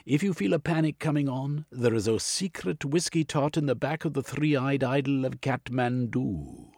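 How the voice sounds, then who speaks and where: A pompous, eccentric Victorian gentleman adventurer, as a male narrator puts him on, barking orders in a raised, louder voice. His tone is gravelly and a touch husky, recorded dry and close. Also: mid-range voice, dry recording, voice pushed up, natural voice. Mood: commanding. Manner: pompous, brisk upper-class commands.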